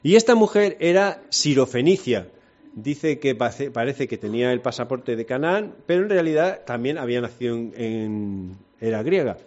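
A man's voice: mid-range voice, lively intonation, normal speed, a little mellow. A man giving a conversational sermon, retelling a Bible passage and asking his listeners questions. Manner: conversational, rhetorical questions, retells scripture with voices. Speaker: preacher. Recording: dull lo-fi sound.

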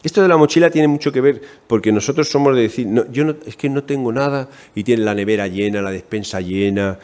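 A man preaching a sermon in a Spanish accent from Spain, conversational and animated, asking the congregation questions. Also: medium pitch, a little fast.

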